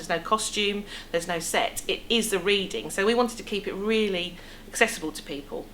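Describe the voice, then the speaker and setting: English woman chatting in an interview, middle aged, explains stuff, average pitch, some room noise. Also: a bit bright. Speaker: theatre producer being interviewed. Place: indoor theatre foyer cafe seating area. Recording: clear background room noise.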